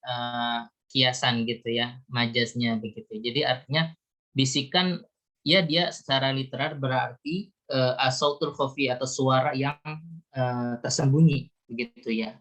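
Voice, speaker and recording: A man answering a question as a religious teacher in an online Quran study. He speaks in a measured, explanatory way, often rounding off his points with small tag phrases. His voice sits at an ordinary pitch for a man. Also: fairly bright tone. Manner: measured, explanatory, tags phrases with "you see". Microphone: video call.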